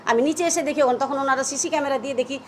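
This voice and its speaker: A woman's voice: high-pitched, quick pace, a little hiss or hum. A middle-aged woman with a Bangladeshi Bengali accent speaking at a press conference, first reading a statement, then recounting events emphatically. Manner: emphatic, agitated retelling.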